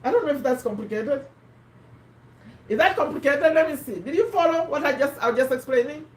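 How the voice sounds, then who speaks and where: A fairly high-voiced woman talks through ideas in a loose, conversational way, restarting sentences and turning to her listeners with questions. The recording has a roomy echo around her voice. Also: lively intonation, a little fast, far from the mic, slight background noise. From Uganda. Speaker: host of a live book discussion. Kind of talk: casual explanatory talk. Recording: echoey room.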